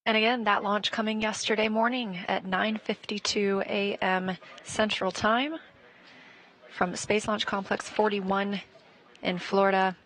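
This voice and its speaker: Formal woman announcing live, mid-pitched. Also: level tone, a little slow, fairly bright tone. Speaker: broadcast commentator.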